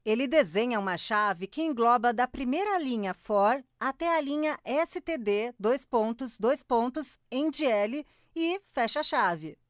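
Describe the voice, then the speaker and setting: Measured Brazilian woman dictating, dry sound. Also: on the high side, animated, no room sound. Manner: dictating code and punctuation piece by piece. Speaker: audio description narrator. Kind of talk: scripted audio description, dictating.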